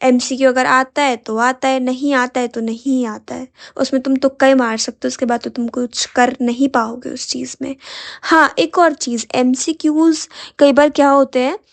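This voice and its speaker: Speaking at normal speed in a high, steady voice that's hoarse and strained, a young teacher leads an exam-prep class, addressing students directly and switching between Hindi and English.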